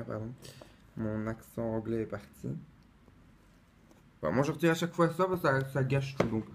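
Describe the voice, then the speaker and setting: A man with an everyday mid-range voice chats to the camera while opening a collectible box. He talks casually and hesitantly, often restarting his sentences. A faint background hiss sits under his voice. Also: mid-range voice. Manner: chatty and hesitant, many fillers and restarts. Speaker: collector unboxing a replica wand. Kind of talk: casual unboxing vlog. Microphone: camera mic, close-up.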